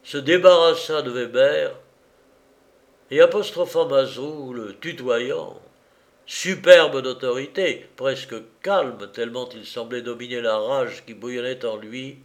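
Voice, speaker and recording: A man narrating a novel in a measured, expressive storytelling voice. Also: mid-range voice. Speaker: audiobook narrator.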